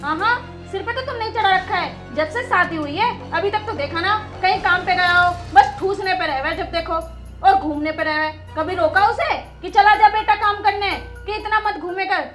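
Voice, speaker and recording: A woman's voice: very high voice, normal speed, fairly bright tone, faint music behind. A woman playing a resentful young daughter-in-law who complains sharply. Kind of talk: rural film drama acting.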